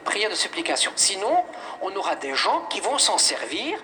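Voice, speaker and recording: Exorcist priest, male, lively storyteller, bright and forceful tone, voice swinging widely. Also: high voice, normal speed, a little hiss or hum, rough recording. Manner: lively storyteller who acts out quoted voices; emphatic repetitions. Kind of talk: animated anecdotal testimony.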